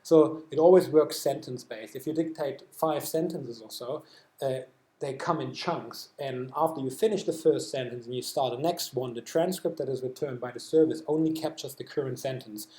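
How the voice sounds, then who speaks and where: A man with a German accent presenting software at a developer meetup, explaining a live demo with many fillers and restarts. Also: mid-range voice, normal speed, echoey room. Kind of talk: technical talk with live demo. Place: meetup room.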